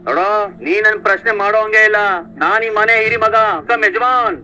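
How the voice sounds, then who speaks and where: A man playing an arrogant, hot-tempered eldest son in a TV serial, scolding and shouting. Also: sits high, fairly quick, slight background noise, poor audio. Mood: angry. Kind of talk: TV serial acting.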